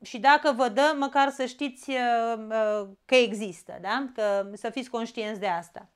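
A woman with a Romanian accent teaches an exam-prep grammar lesson, explaining each step and often checking in with a quick "da?". Her voice is on the high side, clear and resonant.

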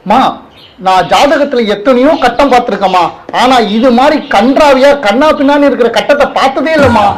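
Guy doing a sketchy fake astrologer, high voice, solemn and wheedling, a swindler. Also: a little fast, rough recording. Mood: mock-solemn. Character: fake male astrologer, smooth-talking swindler. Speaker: comedy sketch actor. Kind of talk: comedy skit acting.

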